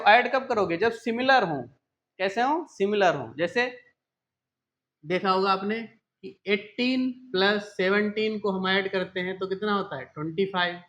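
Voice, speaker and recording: A male teacher with a high voice works through a math lesson one step at a time. He keeps asking questions and answering them himself, with frequent check-ins. The recording sounds dull and lo-fi. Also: fairly bright tone. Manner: explains step by step, often asks and answers his own questions; repeats "ठीक है" often as a check-in.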